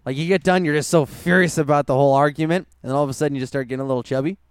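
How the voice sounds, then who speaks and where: A man's voice: a little high, fairly even intonation, very fast, clear, resonant tone, dry recording, clean studio sound. A man co-hosting a podcast, teasing his friend in crude casual chat, swearing and laughing often. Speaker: podcast co-host.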